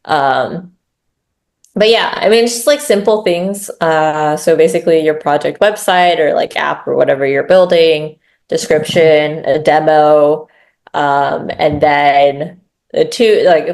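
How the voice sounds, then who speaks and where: Low, gravelly woman, relaxed chatty interview guest. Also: unhurried. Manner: chatty, filler-heavy, frequent tag questions. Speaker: growth lead, interview guest. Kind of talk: casual interview talk.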